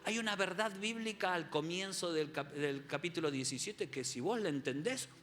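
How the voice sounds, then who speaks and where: A man's voice: on the high side, moderate pace. A man preaching a humorous youth sermon in a church hall, acting out scenes and quizzing the audience. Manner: animated, jokey, acts out scenes, quizzes the audience.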